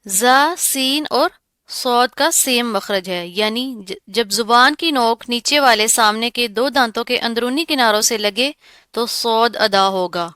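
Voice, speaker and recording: A Quran recitation teacher, a woman, leads a pronunciation lesson, explaining every sound before voicing it slowly and at length. Her voice is bright, crisp, and slightly high, captured close and dry.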